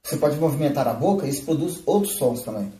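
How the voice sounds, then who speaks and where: Heavy background noise surrounds this flute teacher, who speaks fast with lively intonation in a voice on the high side. In his live-streamed lesson he explains techniques and keeps asking "né?" and "tá?", recorded roomy and from a distance.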